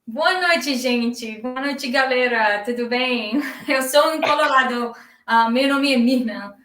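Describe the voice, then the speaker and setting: Bright, distant woman on an echoey video call. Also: high-pitched, measured pace. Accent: Iraqi Arabic. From Iraq. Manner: easygoing, laughs often, many ums. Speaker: guest drummer. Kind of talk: live stream interview. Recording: echoey room, distant from the mic.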